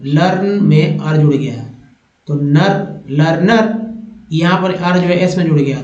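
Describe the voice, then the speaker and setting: A man teaching English reading, sounding out words syllable by syllable in a slow phonics lesson. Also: a little high, a little mellow. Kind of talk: Hindi-language phonics lesson. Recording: echoey, dull lo-fi room recording.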